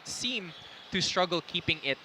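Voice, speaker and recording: Bright male sports commentator, faint background noise. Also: sits high, animated, moderate pace, low-quality recording. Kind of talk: pre-game analysis commentary.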